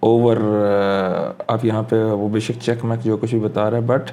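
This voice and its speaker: Mellow-voiced man walking through a screen tutorial. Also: on the low side, little pitch movement, measured pace. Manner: casual, thinks aloud while clicking through steps; mixes English phrases into his speech. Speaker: crypto tutorial host. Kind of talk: screen-recorded walkthrough tutorial.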